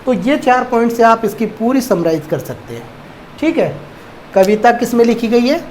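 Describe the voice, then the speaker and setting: A man teaches English poetry in an online lesson, explaining slowly and posing questions that he then answers himself, mixing Hindi and English. His voice is very high-pitched and very animated, with a darkish tone. There's a slight hiss or hum.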